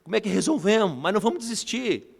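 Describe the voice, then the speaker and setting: Man, preacher, animated sermon, higher voice, long church reverb. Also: fast talker, vocal fry, husky. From Brazil. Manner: animated, addresses congregation as brothers, tells family anecdotes. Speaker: bishop preaching.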